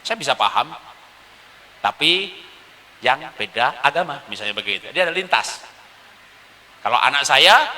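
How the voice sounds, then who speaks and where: A middle-aged man with a high, piercing, tense voice gives a public parenting talk. He tells stories and acts out quotes with lively shifts. The sound rings with a long hall reverb. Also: creaky. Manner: animated storytelling, acting out quotes. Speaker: parenting seminar speaker. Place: event hall.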